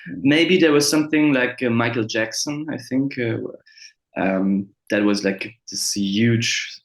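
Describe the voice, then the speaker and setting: A man's voice: medium pitch, takes it slowly. A man who grew up in France and Germany, a musician guest speaking English as a second language, with many fillers and restarts. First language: French or German. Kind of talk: casual interview. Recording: roomy echo.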